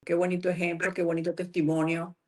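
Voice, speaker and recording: A woman's voice: lowish voice, monotone, fast talker. A woman from Venezuela, hosting a podcast interview, affirming her guest and asking pointed follow-up questions. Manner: warm, affirming, asks pointed follow-ups. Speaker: podcast host.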